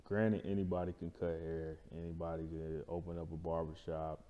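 Here the barbershop owner's voice sits low, with a flat delivery at a moderate pace and the highs cut off. As an interview guest he chats casually, putting things in everyday terms and repeatedly checking in with whoever's listening, recorded on a lapel mic in a reverberant lounge-style studio indoors.

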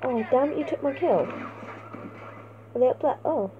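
A young woman giving playful, excitable let's play commentary and talking back at the game as she plays. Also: high-pitched, moderate pace. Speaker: gaming channel host. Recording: tinny phone-like mic sound.

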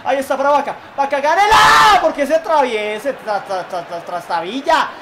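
A young man with a Colombian accent calls his own video game match in a very high voice, shouting and groaning at every play. The recording carries clear background noise. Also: lively intonation, a little fast, a loud crowd. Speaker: gaming YouTuber. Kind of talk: excited live gameplay commentary.

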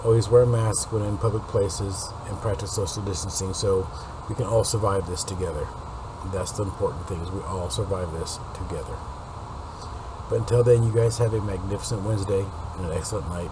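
Low raspy smoker's-voiced man. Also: fairly quick. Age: late 40s. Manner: rambling, informal. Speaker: video host. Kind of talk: casual news update to viewers. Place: unfinished basement room. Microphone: webcam or laptop mic at desk distance. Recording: noisy webcam recording with background hum.

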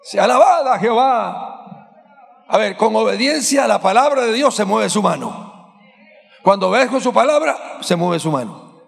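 Impassioned high-voiced male preacher, gravelly. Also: very animated, moderate pace. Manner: impassioned preaching with rhetorical questions to the congregation; rises to shouting at climaxes. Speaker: pastor. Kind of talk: sermon. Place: large church sanctuary. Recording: long hall reverb from a church.

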